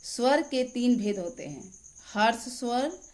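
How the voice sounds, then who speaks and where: Slow, high-voiced woman teaching grammar. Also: expressive, a crowd in the background. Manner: slow, deliberate dictation of examples. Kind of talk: grammar lesson read aloud.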